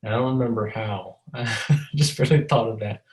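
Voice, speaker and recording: Poor audio carries a fairly low, darkish male voice talking a little fast. He co-hosts a podcast, rambling in casual conversation and swearing as he jokes around. He joins by video call over a mobile hotspot.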